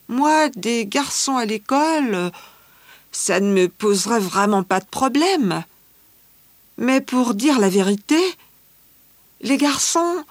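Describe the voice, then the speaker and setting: A friendly teenage schoolgirl, played by a woman talks slowly and clearly in a scripted language-exam interview. Her voice sits fairly high for a woman. The recording is dry and close, with no room sound. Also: dry recording. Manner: measured, clearly articulated scripted delivery. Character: cheerful teenage Australian schoolgirl, fashion-loving.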